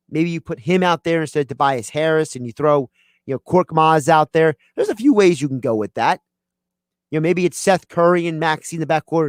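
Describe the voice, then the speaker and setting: A man's voice: a little high, clear, resonant tone, dry recording, clean studio sound. A man hosting a sports talk radio show, thinking aloud in a conversational way. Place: radio studio.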